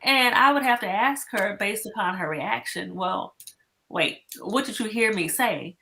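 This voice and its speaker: A woman's voice: medium pitch, a little slow, creaky, pushed and bright. A woman in a casual chat, talking in a reflective, explaining way with lots of "like" and "you know".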